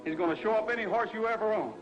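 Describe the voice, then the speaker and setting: Brief: a man as a plain-spoken cowboy hero, slightly high voice, faint film music behind him. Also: rapid-fire, lo-fi sound, close to an everyday voice. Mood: defiant. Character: steady young cowboy hero, calm and honest.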